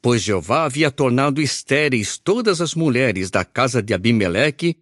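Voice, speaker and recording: A man reading a Bible audio recording aloud in a measured, solemn narration. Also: medium pitch, animated, a bit bright, no echo, clean studio sound.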